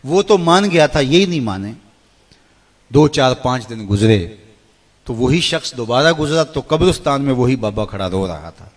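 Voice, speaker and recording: Slow, chanted verses mark this middle-aged man's emotional sermon, his voice climbing to soaring cries and falling to hushed lows in a sing-song manner.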